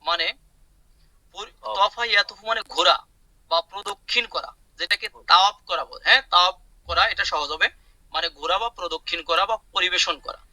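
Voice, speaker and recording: A man's voice: high voice, pushed and bright, dry recording, low-quality recording. A man teaching Arabic vocabulary in an online class, repeating words, explaining them and asking his students questions. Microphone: video call.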